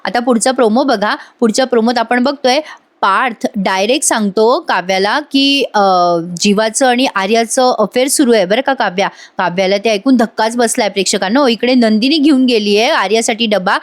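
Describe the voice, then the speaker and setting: A woman's voice: fairly high pitch, normal speed. Chatty woman reviewing a TV serial. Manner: chatty, addresses viewers often. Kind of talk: voice-over episode review.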